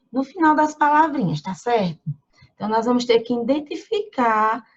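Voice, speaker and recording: A woman teaching young children, talking slowly and patiently, stretching out syllables and checking in with frequent tag questions. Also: on the high side, breathy edge, muffled recording. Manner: drawn-out syllables when sounding out words. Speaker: primary school teacher. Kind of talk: online lesson for young children. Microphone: computer mic during screen share.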